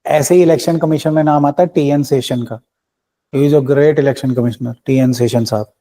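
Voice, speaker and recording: Mellow-voiced male coaching teacher. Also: mid-range voice, normal speed. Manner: explains with rhetorical tag questions, mixes English phrases. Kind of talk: Hinglish current-affairs lecture.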